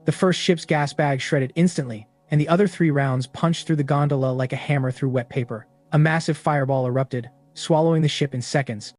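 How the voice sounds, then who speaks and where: A man narrating a story recap in the first person, in a steady, matter-of-fact way. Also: on the high side, a little fast, few pauses, faint music behind.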